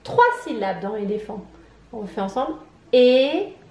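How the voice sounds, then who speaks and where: A woman with a French accent, teaching syllables to a young child, clapping out each syllable slowly and asking questions. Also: fairly high pitch, big pitch swings, a little mellow, reverberant. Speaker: preschool teacher. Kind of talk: slow, sing-song phonics lesson for young children.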